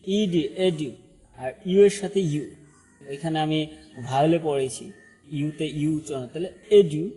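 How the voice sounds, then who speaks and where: A man gives an online pronunciation lesson, pausing often with fillers and restarts and checking in with the viewers. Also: fairly high pitch, warm tone, breathy edge, in a large hall, low-quality recording. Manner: halting, with frequent fillers and restarts, repeats "ঠিক আছে?" to check on viewers. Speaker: English pronunciation teacher.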